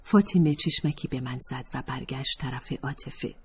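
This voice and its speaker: A woman narrating a novel in first person, with calm, measured storytelling. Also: extremely low pitch, husky. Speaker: audiobook narrator.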